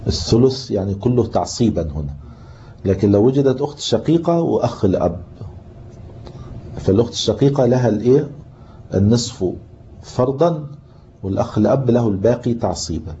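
A man with an Egyptian Arabic accent teaches Islamic inheritance law in class, with a mid-range, dark voice that is animated, a little fast, and full of pauses. He explains patiently, reads from the book, and quizzes his students. The tape is muffled and lo-fi with faint hiss.

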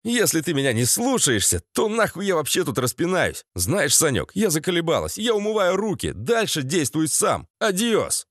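Man voicing a nagging female paranoia, raised pitch, sarcastic; audiobook reading. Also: very animated, measured pace, hardly any pauses, no room sound, studio quality, heavily acted. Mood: exasperated. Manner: sarcastic, exasperated.

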